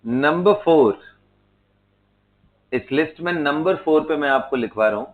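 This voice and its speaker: Lively in intonation and a little high in pitch, a man delivers a chemistry lecture at a measured pace, switching between Hindi and English. He spells out terms letter by letter and checks in with his students, recorded with a tinny, phone-like lo-fi quality.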